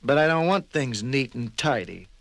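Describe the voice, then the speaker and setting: A man's voice: mid-range voice, animated, moderate pace, creaky, a bit bright. A man voicing a messy, easygoing storybook fellow who sounds hesitant and bewildered. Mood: bewildered protest. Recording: children's storybook record with music behind.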